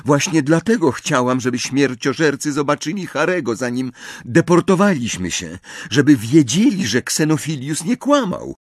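A man's voice: big pitch swings, no room sound. A man reading an audiobook, voicing an anxious, clever teenage girl witch in a raised, fretful, argumentative voice, in a dry recording. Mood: worried. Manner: high, fretful, quick to argue.

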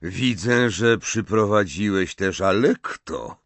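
Guy doing a polite old wizard, cool and steady, dry sound. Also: fairly low pitch, no echo. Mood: calm. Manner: calm, polite, measured. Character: old calm wizard headmaster, unruffled and courteous.

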